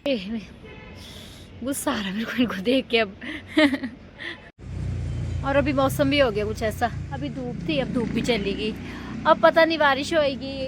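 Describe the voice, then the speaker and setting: Woman vlogger, chatty and rambling, light high voice, phone mic with faint street noise. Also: fairly bright tone. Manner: chatty, talks to viewers about chores. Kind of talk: casual vlog narration. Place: home rooftop and house.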